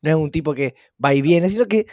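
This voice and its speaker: A man's voice: a little high, quick pace, a little mellow, no echo, clean studio sound. An Argentine man co-hosting a podcast, teasing his partner playfully and laughing often in casual chat. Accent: Argentine Spanish. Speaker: podcast co-host.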